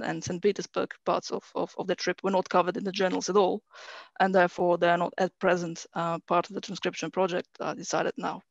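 Flat-pitched woman from Croatia, creaky voice. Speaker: archive transcriber, panelist. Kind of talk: conversational panel remarks. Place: indoors, on a video call. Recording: muffled, roomy video call.

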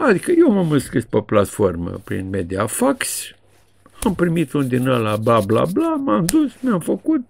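A man's voice: vocal fry, dry recording. A man in his seventies, a journalist, giving a casual, sarcastic commentary monologue in a colloquial way. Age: 70s. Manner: colloquial, sarcastic, swings widely in pitch. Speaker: journalist and video blogger.

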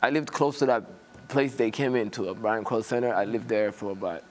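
A young man from Somalia, an actor guest in a studio interview, talking softly and haltingly with many fillers, on a lapel mic. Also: on the low side, slight background noise. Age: young adult. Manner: hesitant, soft-spoken, many "you know" fillers. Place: TV studio set, indoors.

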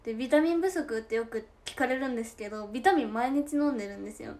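A young woman with a high, bright-pitched voice and a Tosa dialect accent chats casually on a livestream. She giggles often and lets her phrase endings trail off softly. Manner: chatty and giggly, drawn-out soft endings. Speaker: idol livestream host. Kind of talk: casual livestream chat reading comments.

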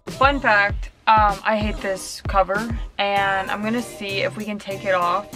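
A vlogger in her twenties chats casually straight to camera while fixing up a camper van, in a how-to style as she works. Her mid-range voice has fairly even intonation and a slightly slow pace, with music in the background.

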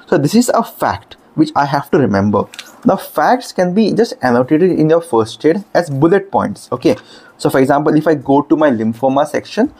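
A man's voice: a little high, darkish tone. A man who tutors for medical entrance exams, walking viewers through an app and a textbook in an explanatory, emphatic way that is full of "okay"s. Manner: explanatory, emphatic, repeats 'okay'. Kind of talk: screen-demo lesson.

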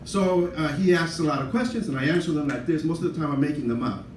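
A man's voice: a little high, fast talker, slight background noise. An older man with a Mexican-American accent doing a stand-up set, self-deprecating and rambling, with frequent asides to the crowd. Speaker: stand-up comedian. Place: comedy club stage. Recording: roomy club sound from a distant camera. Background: audience laughter.

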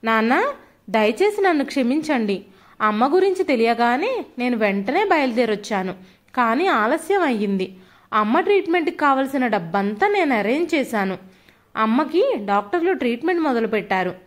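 An earnest, steady voice for a devoted son who comes back to put things right, as a woman storyteller reads him. It sits high with a lively lilt. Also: normal speed. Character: caring grown son returning to help.

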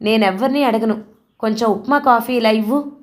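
A woman's voice: a little high, a little fast, lightly acted. A defiant young daughter who argues with indignant heat, played by a woman in a slightly raised voice. Storybook reading.

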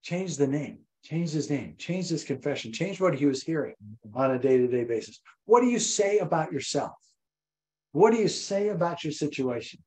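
An older man preaching a sermon as pastor, animated and repetitive, acting out voices. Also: normal speed, poor audio. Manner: animated, repeats phrases, acts out voices with rising pitch. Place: church.

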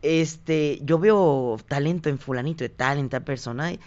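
At a normal speed and in a slightly high voice, a young Mexican-accented singer and TV reporter tells stories as a podcast guest. He's animated, acting out what other people said in lively asides during the casual interview. The podcast audio comes across dull and lo-fi.

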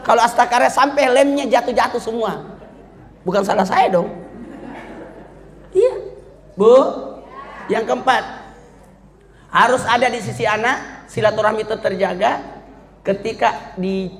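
A man in his fifties giving a humorous religious talk to an audience. He jokes constantly and leaps into high squeaky voices. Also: measured pace, pauses often, fairly bright tone. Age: 50s. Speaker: preacher. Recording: hall reverb with faint crowd.

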